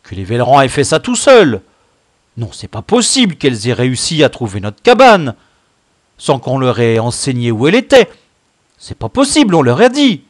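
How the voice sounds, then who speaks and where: A man reading a storybook who voices a furious boy gang leader, roaring out accusations in a high, loud voice. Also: huge pitch swings, normal speed, no echo, studio quality.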